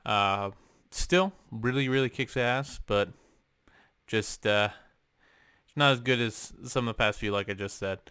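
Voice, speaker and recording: A man's voice: on the low side, measured pace, bright, forceful tone, clean tone, dry recording, clean studio sound. A young man vlogging from his room, casually ranking albums with lots of ums and offhand swearing. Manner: rambling, many ums and uhs, casual swearing. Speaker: music vlogger. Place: home room.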